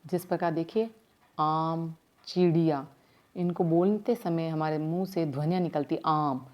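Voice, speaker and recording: A woman teaching primary school grammar in a slow, step-by-step way, asking her class questions as she goes, with words her speech. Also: low voice, fairly even intonation, muffled recording. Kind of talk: recorded grammar lesson.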